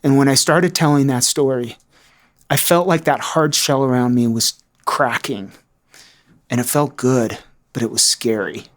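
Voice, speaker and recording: A man's voice: mid-range voice, measured pace. Earnest man telling his story. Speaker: podcast guest. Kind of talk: personal testimony.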